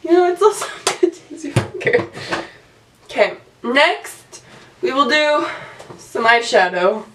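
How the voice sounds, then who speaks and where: Young woman talking slow and laughing, kinda far from the mic, faint hiss. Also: high voice, big pitch swings. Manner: playful, mock-instructive, laughing. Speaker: friend doing the challenge. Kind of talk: casual vlog chat. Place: small room at home, indoors.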